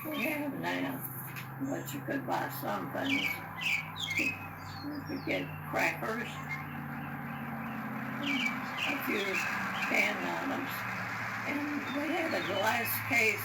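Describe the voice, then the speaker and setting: Very old woman, slow and creaky, noisy recording. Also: mid-range voice. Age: very old, over 100. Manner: very old woman's slow, halting recollection in short phrases. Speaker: interviewee recalling childhood. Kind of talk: unscripted reminiscence. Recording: roomy, distant, noisy with birdsong.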